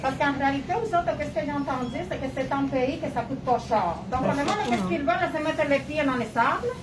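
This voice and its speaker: A woman's voice: high voice, brisk. A woman from the Dominican Republic, a native Spanish speaker, giving her view in informal French. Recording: echoey, distant, very noisy.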